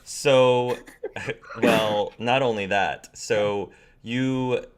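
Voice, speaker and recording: A man's voice: mid-range voice, fairly even intonation, drawn-out words. A man narrating a tabletop game as game master in a casual, conversational way.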